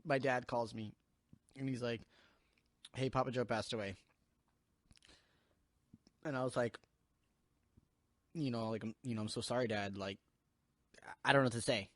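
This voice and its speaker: A young man in casual podcast chat, his speech loose and rambling, full of swearing and filler words. His voice sits at an ordinary middle pitch. The recording is close and dry, with no room sound. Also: steady tone, moderate pace, long pauses, no echo. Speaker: podcast host.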